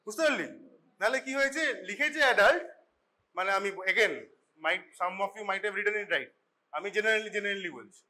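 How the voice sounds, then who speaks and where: A high, bright man's voice, a Bengali lecturer talking casually to his class and slipping into English mid-sentence. He teases and scolds his students as he goes. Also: moderate pace. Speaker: forensic medicine lecturer. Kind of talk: informal classroom teaching. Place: college classroom.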